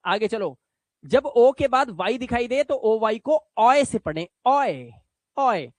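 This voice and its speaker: A man with a very high, expressive voice speaks a little slowly, recorded with no room sound. Teaching English phonics aloud, he patiently restates rules, lengthens example words, and coaxingly checks his learners' understanding again and again.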